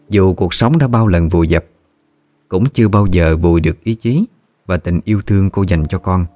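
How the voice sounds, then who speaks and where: Male narrator, low voice, measured scripted ghost-story reading over soft music.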